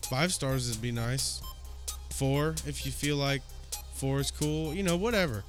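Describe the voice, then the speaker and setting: A man's voice: mid-range voice, a little slow, faint music behind. A man co-hosting a casual late-night podcast, laid-back and jokey. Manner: laid-back, jokey, sings snatches of songs. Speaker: podcast co-host.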